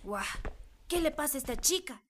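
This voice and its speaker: A woman's voice: sits high, expressive, normal speed, slight background noise. An actress playing a loving working mother who speaks tenderly and anxiously to her daughter. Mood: tender, worried.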